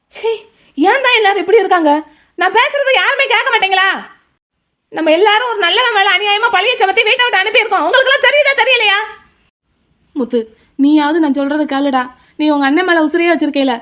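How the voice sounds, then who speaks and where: A woman's voice: high-pitched, lively intonation, fairly quick. Woman voicing a frantic young college guy. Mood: indignant. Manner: loud, pleading, rambling. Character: excitable young male college student.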